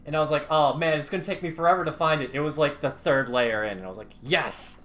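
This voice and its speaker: A man's voice: a little high, very fast, fairly bright tone, faint music behind. A young man chatting casually on a game stream, telling a long story full of fillers and the odd swear word.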